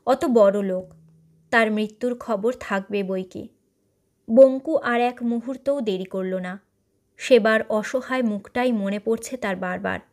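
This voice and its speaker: A woman storyteller reading a short story aloud in a measured, expressive narration. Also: a little high.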